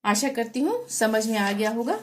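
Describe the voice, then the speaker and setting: A woman teaching English grammar, patiently repeating example words and sentences slowly for her pupils. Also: a little high, big pitch swings, a little hiss or hum. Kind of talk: explaining a grammar lesson.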